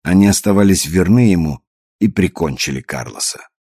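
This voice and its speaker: A man narrating an audiobook in a calm, measured storytelling manner. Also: sits low, breathy edge, no room sound, clean studio sound. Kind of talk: scripted narration.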